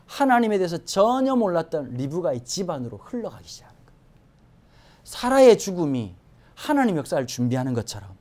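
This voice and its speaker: A woman pastor preaching a Sunday sermon in a church, swinging from hushed asides to emphatic exclamations. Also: low-pitched. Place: church sanctuary.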